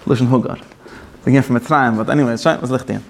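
A man's voice: medium pitch, fast, vocal fry. A man teaching a Torah class, rambling and correcting himself as he goes, with English and Hebrew terms mixed into his talk. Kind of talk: Yiddish-style Torah class.

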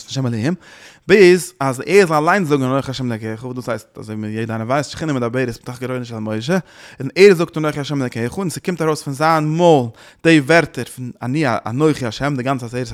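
A man giving a Torah lecture with an animated, chant-like delivery, repeating words and breaking into sudden loud bursts. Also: medium pitch. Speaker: Torah teacher. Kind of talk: Yiddish-inflected Torah lecture.

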